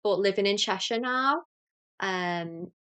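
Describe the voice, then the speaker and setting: A woman from Liverpool with a clear Scouse accent talks casually to camera as the host of a knitting podcast. She rambles on in a friendly, chatty way and is quick to poke fun at herself. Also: medium pitch, a bit bright. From Liverpool, England. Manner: chatty, rambling, self-deprecating.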